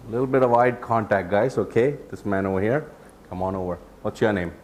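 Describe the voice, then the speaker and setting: A man's voice: fairly low pitch, fairly quick, a little hiss or hum. Joking man leading a speaking workshop. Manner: lively, joking, addresses audience directly. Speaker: public speaking workshop presenter. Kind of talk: live workshop talk.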